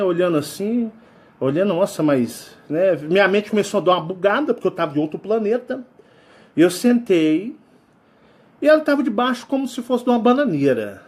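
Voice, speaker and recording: A Brazilian man hosting a channel, telling a story in a casual, rambling way and ending nearly every phrase with a tag question. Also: high-pitched. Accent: Brazilian Portuguese. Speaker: channel host.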